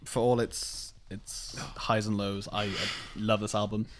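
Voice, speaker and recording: A man's voice: lowish voice, level tone, measured pace, slight background noise. A man co-hosting a podcast in casual chat, joking and teasing his friends. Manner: jokey, teasing, breaks into laughter. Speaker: podcast co-host.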